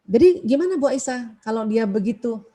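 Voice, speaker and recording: Woman host asking questions, mellow. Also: fairly high pitch, lively intonation, normal speed. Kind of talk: interview questions.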